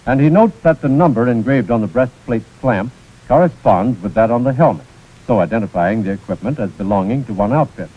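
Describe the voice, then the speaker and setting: An American man narrates a scripted 1940s instructional film, precise and formal, his mid-range voice expressive, fairly quick and slightly rough. The soundtrack is muffled and scratchy, typical of 1940s film.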